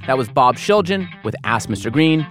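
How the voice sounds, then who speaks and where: A man hosts the show, reading scripted links in a clear, steady way. His voice sits in an ordinary middle pitch. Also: moderate pace, soft background music. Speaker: host. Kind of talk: scripted narration.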